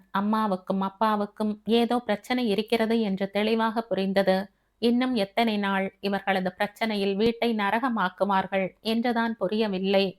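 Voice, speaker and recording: A woman narrates a family novel for an audiobook, telling it in an even, measured way. Her voice sits at an ordinary middle pitch.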